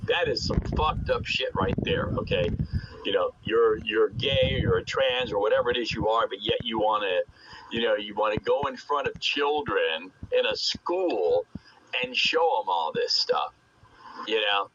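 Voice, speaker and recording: A man's voice: fairly low pitch, unhurried. A man chatting casually over CB radio, opinionated and emphatic, rambling along with coarse swearing. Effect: CB radio transmission. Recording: muffled noisy CB radio transmission.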